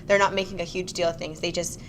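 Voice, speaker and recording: A woman's voice: fairly low pitch, fairly even intonation, fast talker, slight background noise. A young woman co-hosting a vlog, a nurse, chatting casually with lots of "like" fillers. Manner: chatty, many "like" fillers, laughs easily. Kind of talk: casual chat.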